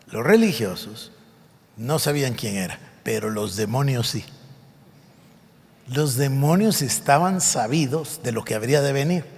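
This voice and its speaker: Man preaching with lively pitch. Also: vocal fry, in a large hall. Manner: emphatic preaching, reading scripture aloud and explaining it. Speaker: pastor. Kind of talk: sermon.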